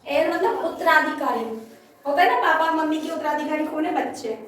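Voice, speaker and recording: Female teacher, high voice, patient quizzing delivery, distant echoey classroom sound. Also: brisk, a bit bright. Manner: patient, repeats and quizzes pupils. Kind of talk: classroom grammar lesson. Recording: echoey room from far off.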